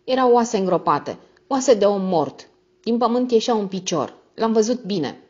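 A woman's voice: mid-range voice, expressive, a little mellow, pitched above the performer's own voice, close to an everyday voice. A woman reading an audiobook voices a frightened, stubborn young boy with raised, pleading lines. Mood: panicked. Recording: dull lo-fi audio.

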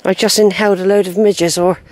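Walking outdoors across a grassy hillside, a wheezy, breathless woman gives casual commentary to her handheld camera without appearing on screen. Her mid-range voice is steady, darkish and a little fast, with no room sound, as she chats, rambles and talks to herself.

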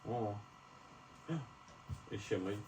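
A man's voice: lowish voice, steady tone, drawn-out words, darkish tone. A man at home, chatting casually and patiently guiding a small child through a task. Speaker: parent at home. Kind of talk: casual family chat with a toddler. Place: home kitchen. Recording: echoey room, distant mic, faint noise.

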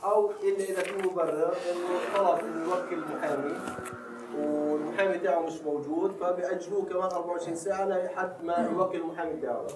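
A man explaining something in a rapid, matter-of-fact way. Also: high-pitched, steady tone. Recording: distant echoey room, loud music.

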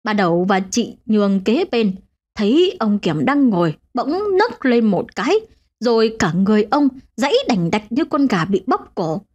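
A woman narrating a ghost story for a channel, with expressive storytelling. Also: moderate pace. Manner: expressive, swinging pitch.

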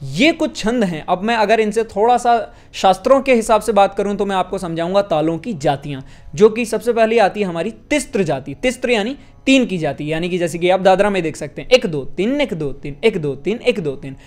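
A man teaching a music lesson, explaining rhythm patterns and counting beats aloud in steady groups, often checking with the listener. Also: high-pitched, fairly quick. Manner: explanatory, asks "है ना?" to check understanding.

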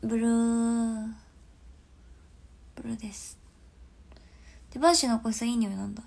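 A young woman hosts a casual phone livestream chat, talking fast in a fairly high, raised voice that is gravelly and heavy with fry. Her blocked nose gives her a nasal sound, and her relaxed, rambling talk keeps dropping into soft half-whispers.

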